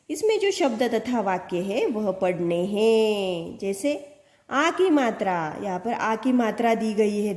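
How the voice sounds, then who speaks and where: Slow, lively woman teacher in echoey room. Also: medium pitch. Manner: sounds out letters and words slowly, asks and answers her own questions. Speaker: primary school Hindi teacher. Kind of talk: slow classroom explanation to children.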